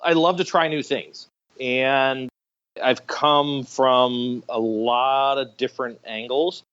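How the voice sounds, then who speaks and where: An American podcast guest in his fifties shares stories casually and jokes at his own expense over a remote online call with dull, lo-fi sound. He speaks slowly in a steady, mid-range voice that is fairly bright, clear and resonant.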